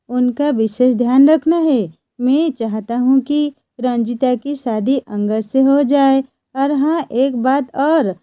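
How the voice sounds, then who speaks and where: A woman voicing a stern, domineering older male landlord in a read-aloud story, gruff and commanding. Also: high-pitched, mellow, no echo.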